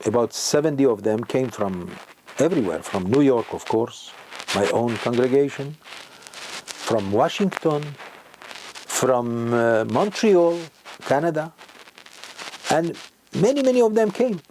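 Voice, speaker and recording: An older man preaches a sermon as a rabbi. His voice is mellow and warm, sitting at a middle pitch. He drives his points home with rhetorical questions that leap upward in pitch. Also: expressive, slow, pauses often, slight background noise, poor audio. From Morocco. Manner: emphatic, rhetorical questions, sudden rises in pitch.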